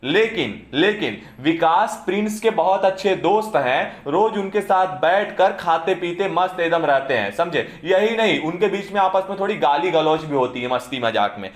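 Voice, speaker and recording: A man's voice: sits high, animated, moderate pace, hardly any pauses. Lecturing man in an echoey classroom. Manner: keeps asking students "समझे?" to check understanding. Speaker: teacher.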